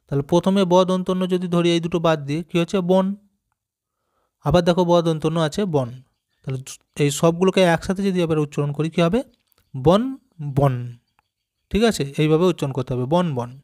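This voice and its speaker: A man's voice: fairly high pitch, darkish tone. Patient man teaching small children letters. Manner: slow, patient, asks children questions and sounds out letters. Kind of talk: primary school reading lesson.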